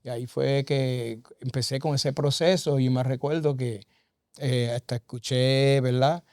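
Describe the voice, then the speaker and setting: A man's voice: mid-range voice, fairly even intonation, measured pace, darkish tone, no echo, studio quality. A man telling his personal testimony in an earnest, conversational way, with frequent small fillers. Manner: earnest, storytelling with many "verdad" and "eh" fillers. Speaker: guest giving testimony.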